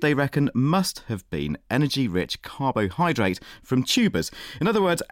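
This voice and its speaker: A middle-aged man hosting a science podcast, presenting in a lively, wry scripted style. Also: mid-range voice, no echo, studio quality.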